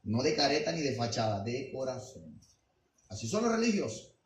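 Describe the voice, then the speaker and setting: Pastor guy preaching, goes quiet then loud, lots of questions, echoey and far from the mic. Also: medium pitch, very animated, moderate pace. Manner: emphatic preaching with rhetorical questions; swings between quiet asides and loud declarations. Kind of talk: sermon. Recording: roomy and distant with faint background noise.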